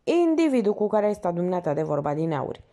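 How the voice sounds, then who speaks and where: A woman's voice: fairly low pitch, big pitch swings, warm tone. A woman voicing an agitated, insistent young male painter in an audiobook story. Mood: urgent. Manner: urgent, insistent.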